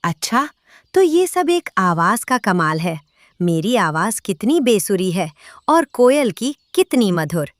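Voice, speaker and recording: A woman acts out a greedy, envious male crow from a children's cartoon. The delivery is insistent and grumbling, swinging widely in pitch. The sound is dry, with no room around it. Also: big pitch swings, takes it slowly, dry recording. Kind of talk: children's cartoon story acting.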